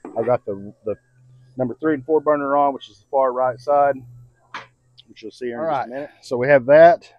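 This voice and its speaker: An American man hosts a casual cooking vlog outdoors on his home patio, talking in a folksy, informal way and thinking aloud, while a radio plays music in the background. His mid-range voice moves fairly quickly, and the recording is dry and dull.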